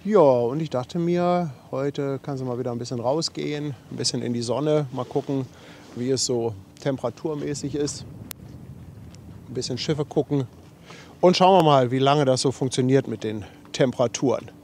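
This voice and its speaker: Outdoors on a harbour riverbank, a livestream host with a slightly runny nose from a cold chats casually and reads out viewer messages, joking at his own expense. He has a medium-pitched, darkish voice and speaks at a moderate pace. Slight background noise is present.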